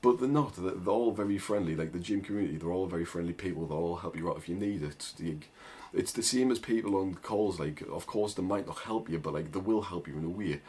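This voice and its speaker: Deep, mellow, and husky, the young man's voice moves quickly with few pauses. He's an agency owner vlogging casual advice to camera in a thick northern English accent, wandering off on tangents and filling his speech with "like" and "right?".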